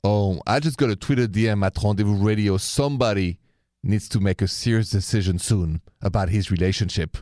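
A man's voice: lowish voice, fairly quick, no echo. Effusive male radio host, dry studio. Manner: warm, encouraging, effusive. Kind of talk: radio call-in hosting. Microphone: studio mic.

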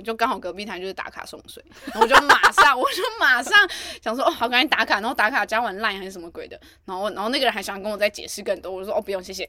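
A woman's voice: medium pitch, sharp tone, no room sound. A woman, co-hosting a podcast in casual chat who jumps in to add her own details. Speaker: podcast co-host.

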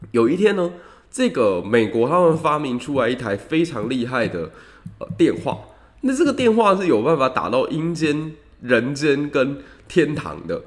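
A man's voice: medium pitch, very animated, normal speed. A man, a professor hosting his own channel, talking casually and retelling jokes with voiced quotes. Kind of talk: casual commentary and joke-telling.

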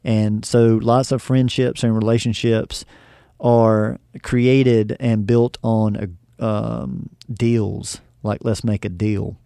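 A man's voice: lowish voice, flat delivery, takes it slowly, gravelly, dark tone, clean tone, no room sound, clean studio sound. A man talking on a podcast, explaining ideas in a reflective way with frequent fillers and acted-out remembered conversations. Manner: acts out remembered dialogue. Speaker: podcast guest teacher. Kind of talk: casual podcast talk.

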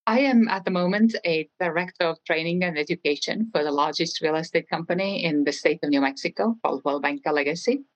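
An Estonian woman in her forties, a real estate trainer, is a guest on a podcast interview. She talks fast in a deep voice with few pauses, answering earnestly and thoughtfully while often restarting her sentences. The sound is lo-fi.

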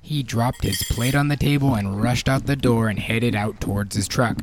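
A man's voice: mid-range voice, normal speed, background noise. A man narrating a scripted story as the narrator between acted scenes.

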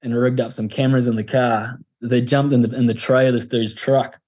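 A man's voice: mid-range voice, flat delivery, fairly quick, darkish tone, slightly rough. A man with a broad New Zealand accent telling stories in casual, laid-back, slangy and sweary chat as a podcast guest.

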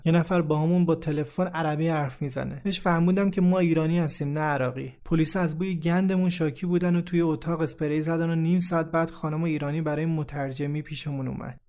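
A man narrating a first-person memoir in a steady, reflective way. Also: a little high. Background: faint background music.

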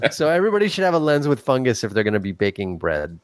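A man's voice: medium pitch, very animated, fairly quick, no echo. A man on a panel, chatting casually in a joking, agreeable way. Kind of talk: casual chat.

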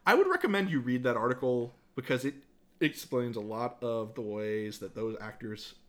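A man's voice: medium pitch, moderate pace. A man co-hosting a casual film podcast, enthusiastic and opinionated about the movies he discusses. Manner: enthusiastic, opinionated, lively, fond of film trivia.

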